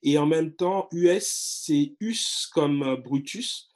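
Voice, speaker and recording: A man's voice: a little high, slow, darkish tone. A man in his forties, a literary blogger talking casually as an interview guest, hesitant with many fillers and restarts. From France and Congo-Brazzaville.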